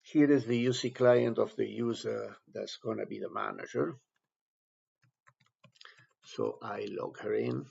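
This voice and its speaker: This step-by-step software screen tutorial features a man whose voice is low and very gravelly. He explains the task in brief, halting phrases as an instructor might, on a recording that's somewhat dull and lo-fi.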